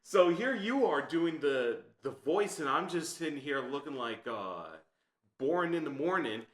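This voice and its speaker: Young guy guest on a podcast, relaxed storytelling, roomy echo around him. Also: fairly high pitch, measured pace. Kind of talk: casual chat.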